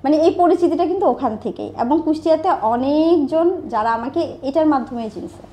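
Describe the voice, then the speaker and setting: Here a woman with a high-pitched, dark-toned voice speaks briskly with lively intonation. She's a Bangladeshi small business owner being interviewed, chatting away about her own life, often repeating herself and performing lines of quoted speech.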